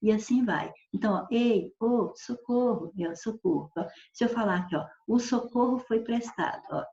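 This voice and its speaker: A woman's voice: mid-range voice, expressive, brisk, creaky, darkish tone. A woman teacher giving a recorded grammar lesson, patiently explaining through spoken examples and often checking in with her students. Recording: echoey room, dull lo-fi sound.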